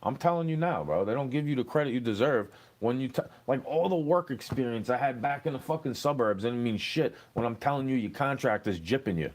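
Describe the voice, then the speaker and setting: A man's voice: mid-range voice, lively intonation, brisk, hardly any pauses, darkish tone. A young man, rambling and cursing as he answers questions in a street interview. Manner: rambling, profane, aggrieved.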